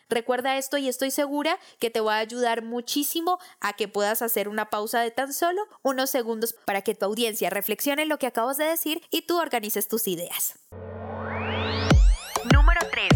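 A woman hosting a podcast, giving a scripted lesson on public speaking in a clear, instructive way and addressing the listener directly. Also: fairly high pitch. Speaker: podcast host. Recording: section headings read over loud electronic music.

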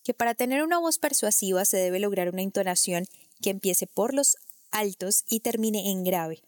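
A woman voice coach explaining technique in a clear, didactic way, speaking straight to the listener. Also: medium pitch, moderate pace, no room sound, clean studio sound. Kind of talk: instructional talk to camera.

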